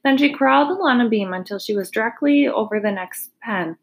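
A woman reading a children's chapter book aloud, gentle and expressive. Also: a little high, fairly quick, low-quality recording. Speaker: reader. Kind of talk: storybook read-aloud.

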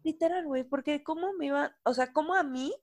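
A woman's voice: high-pitched, fairly quick. Slangy Mexican woman telling a story. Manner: slangy, animated, full of fillers. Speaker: podcast co-host. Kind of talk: casual storytelling chat.

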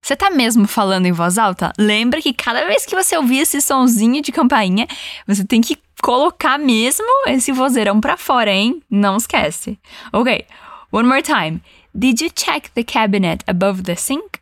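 A woman teaching an English lesson, giving encouraging prompts and modelling phrases slowly for the listener to repeat. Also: a little high, animated, no room sound, clean studio sound.

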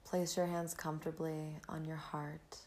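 A woman leading a guided meditation in a soft, soothing near-whisper, unhurried and gentle. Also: low voice, little pitch movement. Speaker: podcast host and meditation guide.

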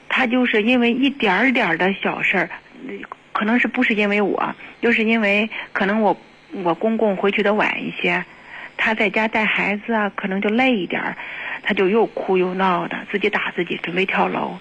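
Upset woman on a call-in show, kinda husky, keeps restarting, dull phone sound. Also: mid-range voice, fairly even intonation, a bit bright. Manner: halting and upset, with many restarts. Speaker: caller to an advice show.

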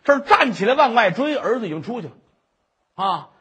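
A man telling a traditional Chinese story in a dramatic, animated way. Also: extremely high pitch, brisk, husky. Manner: animated, dramatic, many voices.

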